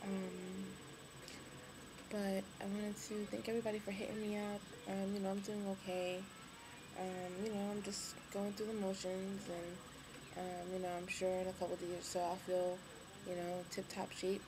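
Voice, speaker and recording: A young woman speaking casually to camera, tired and weak after surgery, low on energy and hesitant. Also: monotone, normal speed. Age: young adult. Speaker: vlogger. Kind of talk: casual video diary. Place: hospital room. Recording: clearly noisy webcam recording, room ambience.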